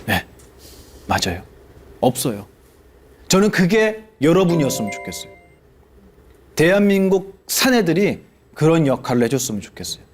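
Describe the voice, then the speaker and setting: A male monk preaching to a live audience. His voice sits fairly high and swings widely from bright peaks down to low murmurs. He keeps turning questions to the listeners and acts out the voices of the people he quotes. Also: big pitch swings, normal speed, pauses often, a little hiss or hum. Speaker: Buddhist monk giving a dharma talk. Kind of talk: lively sermon to a live audience.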